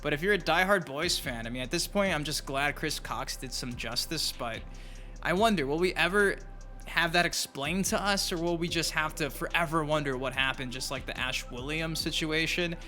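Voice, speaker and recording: A man with a somewhat high, sharp voice hosts a gaming news channel, speaking at normal speed. His opinion commentary is casual, colloquial and profane, aimed straight at his viewers. Music plays behind his voice.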